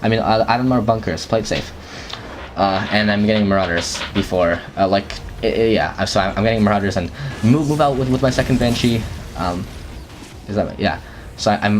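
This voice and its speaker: A man's voice: lowish voice, slight background noise. A young man giving casual commentary over his own gameplay, stumbling and restarting often with many fillers.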